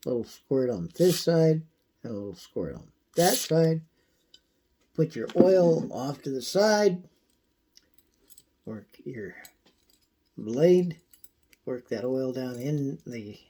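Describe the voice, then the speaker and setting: A man giving a casual, folksy how-to demonstration, his voice thin and squeaky from a coming cold. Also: mellow. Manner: folksy, unhurried, frequent throat clearing. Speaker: video host demonstrating pocket knife care.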